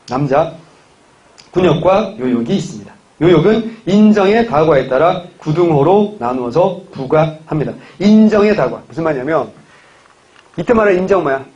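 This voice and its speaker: A man's voice: fairly high pitch, a little mellow, dull audio. A man lecturing on history in a classroom, chatty, with joking asides to his students. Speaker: civil service exam history lecturer.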